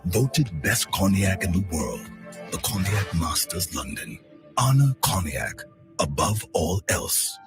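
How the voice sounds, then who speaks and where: A man's voice: low voice, big pitch swings, slow pace. A man reading a scripted luxury commercial voice-over. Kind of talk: luxury advert narration. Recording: music behind the voice.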